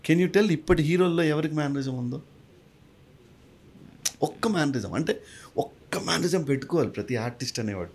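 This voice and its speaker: A man who works as a mimicry artist and actor, answering interview questions in a lively way and mixing English phrases into his talk. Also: on the high side, moderate pace, long pauses, breathy edge. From a village. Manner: animated, mixes English into his speech.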